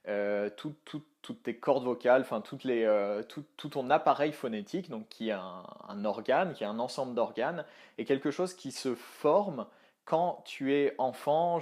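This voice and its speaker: Young man, language coach, chatty video lesson, many fillers and restarts. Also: medium pitch. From France. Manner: animated, thinking aloud with many fillers and restarts. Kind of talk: casual online video lesson.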